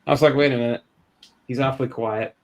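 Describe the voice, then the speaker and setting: A man's voice: medium pitch, steady tone, fast talker. A man hosting a casual live-stream card giveaway over a video call, loose and chatty, often restarting his sentences.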